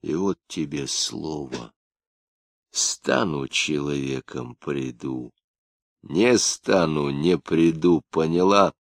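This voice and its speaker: Sullen young ex-thief, voiced by a male narrator; low, clipped, dry recording. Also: slow, vocal fry, no room sound, heavily acted. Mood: bitter.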